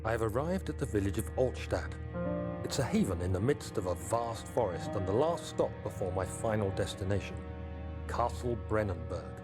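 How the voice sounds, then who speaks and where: An actor playing a troubled, educated nineteenth-century gentleman, reading his journal in a formal, solemn way for a video game. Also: fairly low pitch, expressive, over loud music, close to an everyday voice. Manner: formal, solemn, measured recital. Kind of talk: scripted diary narration in a video game.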